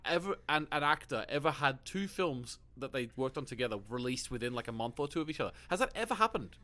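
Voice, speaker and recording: A man co-hosting a casual movie podcast in a mid-pitched voice. He talks eagerly, circling back and repeating himself, and laughs easily. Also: fast, bright, forceful tone. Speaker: podcast co-host.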